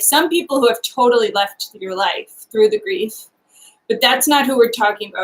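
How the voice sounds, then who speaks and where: Gentle, halting woman giving a psychic reading. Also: fairly high pitch, rough recording. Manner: hesitant, halting, many fillers; speaks gently in first person for the sitter. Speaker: psychic medium.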